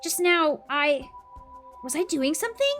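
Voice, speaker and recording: A woman's voice: sits high, big pitch swings, unhurried, fairly bright tone, soft background music. A woman casually playing a game with a friend, reading character dialogue aloud in voices. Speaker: let's play co-host voicing game characters.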